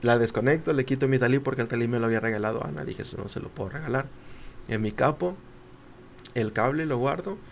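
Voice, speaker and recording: A young man tells a personal story on a podcast, at a middle pitch. He acts out the voices of the people he quotes and falls quiet at the tender parts. Faint background noise runs beneath the talk. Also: fast talker, vocal fry. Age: young adult. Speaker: podcast guest. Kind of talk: casual storytelling.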